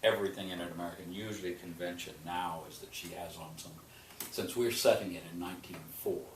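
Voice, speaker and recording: Man, very low voice, opera director, expressive storytelling, slows for emphasis, roomy echo. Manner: expressive storytelling, slowing on key images. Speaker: opera general and artistic director. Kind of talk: explaining an opera plot in an interview. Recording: echoey room, distant mic, noisy.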